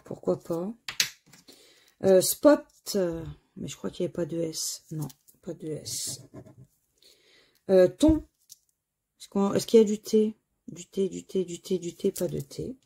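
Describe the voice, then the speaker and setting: A woman from France talks her viewers through scratch cards in a slow, unhurried way, reading letters aloud one at a time. Her voice is gravelly and husky, with a dark, mellow tone. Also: on the low side. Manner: slow, spells letters aloud, sighs over losses. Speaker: scratch-card vlogger. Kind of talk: casual commentary while scratching tickets.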